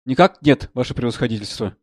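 A man's voice: medium pitch, quick pace, darkish tone, no echo, clean studio sound, voice pushed down, close to an everyday voice. Man doing a stiff dutiful military orderly. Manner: stiff, dutiful soldierly replies. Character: deferential male military orderly.

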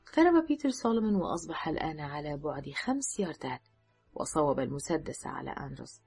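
A woman narrating an audiobook thriller in a measured, dramatic reading. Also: low-pitched, sing-song, creaky, a little mellow, husky, faint music behind. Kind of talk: scripted narration.

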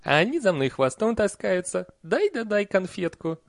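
A man reading an audiobook voices a chatty, shrewd old village witch woman in brisk, homely folk speech. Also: sits high, big pitch swings, vocal fry, pitched above the performer's own voice, heavily acted. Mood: amused.

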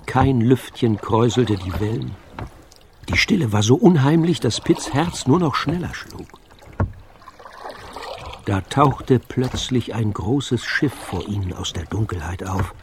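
A man narrating a children's adventure story in a calm, measured storytelling voice. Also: mid-range voice, noisy background.

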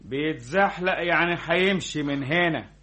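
High-voiced fawning Egyptian deputy manager. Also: male voice, normal speed. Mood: sly, insinuating. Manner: obsequious, flattering, insinuating. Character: fawning, scheming male deputy company manager. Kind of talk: old Egyptian radio comedy-drama acting.

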